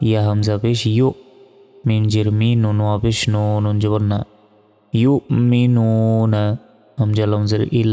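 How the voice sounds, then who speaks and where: Man spelling out arabic letters slow and steady for a quran lesson, dark mellow voice, long reverb, faint music behind. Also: fairly low pitch, smooth. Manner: slow, methodical letter-by-letter spelling, then drawn-out melodic recitation. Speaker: Quran reading teacher.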